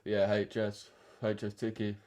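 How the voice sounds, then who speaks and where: Jeune homme à l'accent de l'Essex, bavard, voix un peu grave. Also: male voice, fairly low pitch, monotone, measured pace, mellow, a little hiss or hum. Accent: Essex English. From Essex, England. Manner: slangy, chatty, addresses chat directly. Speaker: trading livestreamer. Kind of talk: casual livestream chat.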